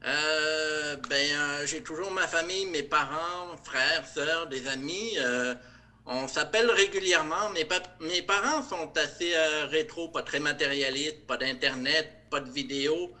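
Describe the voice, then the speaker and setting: Bright-voiced French man, hesitant. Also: a little high, measured pace, slight background noise. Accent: light French accent, partly Québécois. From France. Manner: hesitant, many fillers and restarts. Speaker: interview guest, production director. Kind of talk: casual interview.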